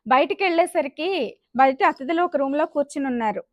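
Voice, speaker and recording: High-voiced woman telling a devotional tale. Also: fast, no echo, lo-fi sound. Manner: expressive, acting out the characters' lines. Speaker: vlogger telling a devotional legend. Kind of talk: spoken storytelling.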